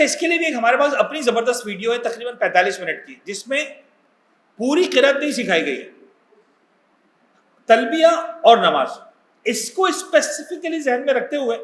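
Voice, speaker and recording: A man's voice: very high voice, fairly bright tone, roomy sound. A man, a cleric, teaching a pilgrimage class in a conversational lecture style, mixing in English words and asking the audience questions.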